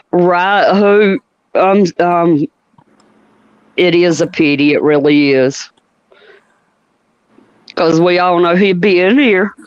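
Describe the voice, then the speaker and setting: Slow, laid-back woman hosting a call. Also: lowish voice, lively intonation, darkish tone, dry recording. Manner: laid-back, drawn-out talk with frequent laughter. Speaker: panel host. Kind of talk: casual group chat. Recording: dry, muffled call audio.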